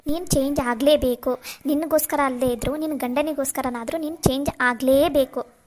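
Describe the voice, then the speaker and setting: A woman's voice: high-pitched, fairly even intonation, a little fast, darkish tone, natural voice. A woman voicing a caring but firm young friend in a cartoon, comforting and lecturing.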